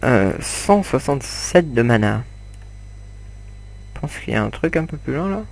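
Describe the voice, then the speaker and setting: Over light background noise, a young man with a gravelly, sing-song voice of medium pitch talks at a normal speed while playing a game. He rambles casually, uses many fillers, and keeps addressing his viewers between moves.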